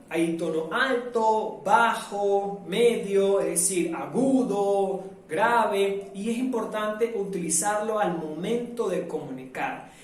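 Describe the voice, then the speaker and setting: A man from Venezuela teaching a live online public speaking workshop, lively and demonstrative, acting out the sounds he describes. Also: high-pitched. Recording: very echoey room, mic at a distance.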